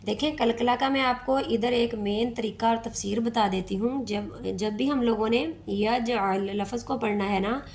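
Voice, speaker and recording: Slow patient woman teaching recitation. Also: fairly high pitch, steady tone, darkish tone, slight background noise. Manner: slow, patient explaining with drawn-out demonstrations. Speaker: Quran tajweed teacher. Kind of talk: step-by-step recitation lesson.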